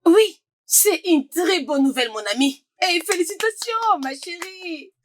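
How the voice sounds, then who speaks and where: A woman's voice: very high-pitched, expressive, unhurried, slight background noise. A woman dubbing a sly, meddling young friend who talks in a teasing, mocking way. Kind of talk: dubbed film acting.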